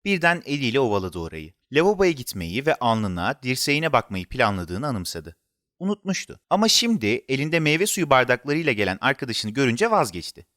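A man narrating a children's story in an expressive, animated storytelling manner. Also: mid-range voice, fairly quick, no room sound, studio quality.

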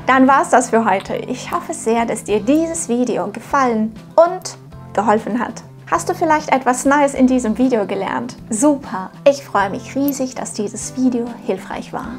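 An animated woman with a slightly high voice speaks at a measured pace while faint music plays. She's a German teacher in her thirties, not a native speaker, hosting a channel where she gives scripted lessons to camera from home, encouraging and cheerfully talking to the viewer.

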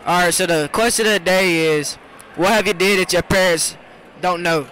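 Teen boy interviewing kids in a cafeteria, high bright voice, a bit of background hum. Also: normal speed, low-quality recording. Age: teens. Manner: repeats the same question, laughs along. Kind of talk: casual street interview. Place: school cafeteria.

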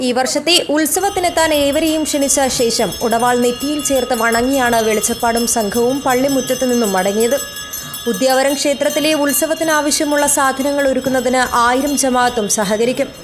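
A woman reading a scripted news report as a voice-over narrator. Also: sits high.

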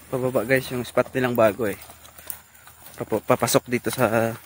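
A man's voice: medium pitch, fairly even intonation, normal speed, slight background noise. Chatty man on a farm vlog. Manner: chatty, calls out to his carabao. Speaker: farmer vlogger. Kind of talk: casual outdoor farm vlog. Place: outdoors on a farm among trees. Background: insects and animals.

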